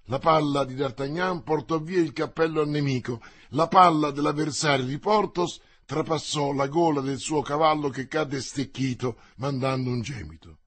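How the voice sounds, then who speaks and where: Husky-voiced man reading a novel aloud. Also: a little high, normal speed, hardly any pauses, a bit bright. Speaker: audiobook narrator. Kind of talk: scripted narration.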